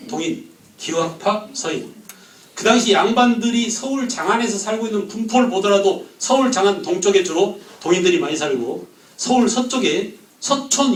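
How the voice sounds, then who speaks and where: A man teaching a history class, firing quick questions at the students and joking with them. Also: high-pitched, roomy sound, distant mic, poor audio. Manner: quizzes the class with quick questions, jokes and laughs. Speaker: history lecturer.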